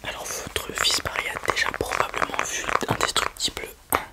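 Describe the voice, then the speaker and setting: A person doing an ASMR whispered role-play as a helpful librarian, speaking in a soft, breathy library whisper. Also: normal speed. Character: helpful librarian recommending children's books to a parent.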